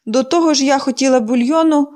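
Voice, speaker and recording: Woman voicing a bitter bedridden lady, dry, grudging, sardonic, fairly high. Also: fast, a little mellow, lightly acted. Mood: weary.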